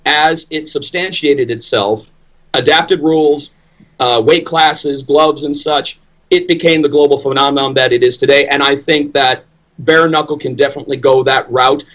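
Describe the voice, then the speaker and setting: A man's voice: mid-range voice, fairly even intonation, normal speed, a bit bright, rough recording. A man who works as a ring announcer, talking conversationally and emphatically as an opinionated interview guest.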